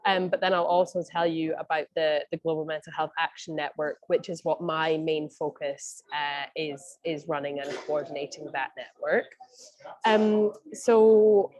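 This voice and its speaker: A young Scottish woman, a guest speaker and senior advisor, gives a chatty presentation over a video call from a cafe, full of ums and restarts. Her voice sits low with a steady tone, a little slow and a little mellow. The audio quality is poor.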